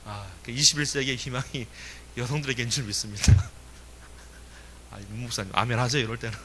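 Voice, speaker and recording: A man preaching a sermon in a lively, emphatic way, asking the congregation questions and chuckling now and then. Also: medium pitch, brisk, slight background noise. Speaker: pastor.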